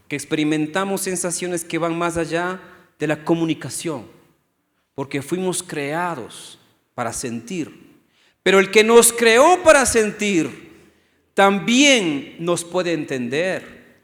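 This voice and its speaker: Animated preaching man in reverberant hall. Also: sits high. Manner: animated, asks the congregation questions, acts out quotes. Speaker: pastor. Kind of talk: sermon. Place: church hall.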